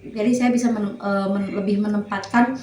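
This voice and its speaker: A woman's voice: medium pitch, steady tone, moderate pace, dark tone. A woman teacher answering interview questions, explaining earnestly with examples and frequent hesitations. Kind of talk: casual interview conversation. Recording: echoey room with faint noise.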